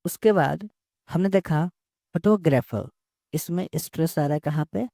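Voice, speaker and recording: Teacher guy, talks real slow, kinda high but gravelly, repeats himself, dry close mic. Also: mellow, no echo. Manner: slow, repeats words and phrases while explaining. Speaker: English teacher. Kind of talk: bilingual lesson explanation.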